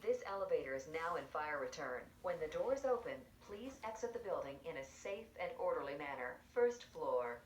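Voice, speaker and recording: A woman's recorded elevator announcement voice played from the panel speaker, speaking in measured, evenly spaced public-address phrasing. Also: sits low, sing-song. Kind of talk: calm automated announcements. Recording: echoey, distant speaker with faint noise.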